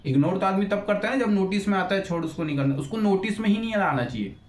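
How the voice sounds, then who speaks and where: A man's voice: high-pitched, animated, fast. A young man and YouTuber ranting in an unscripted roast, blunt and crude, swearing freely and losing his thread as he rambles. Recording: echoey room.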